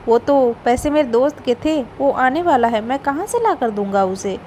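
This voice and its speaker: A woman's voice: sits high, animated, normal speed, darkish tone, a little hiss or hum. A woman voicing a worried, dutiful young son speaking earnestly to his mother. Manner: anxious, earnest.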